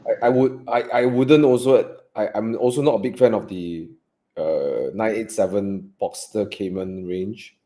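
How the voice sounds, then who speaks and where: A man with a Malaysian English accent co-hosting a live car Q&A in relaxed, chatty talk that trails off softly. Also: on the low side, measured pace. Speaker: co-host of a car buying Q&A. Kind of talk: live stream casual chat.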